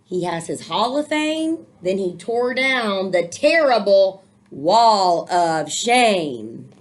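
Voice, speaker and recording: Her mid-range voice swings widely in pitch as she takes her time through a children's picture book. Between lines she offers warm, explanatory asides to encourage the young listeners.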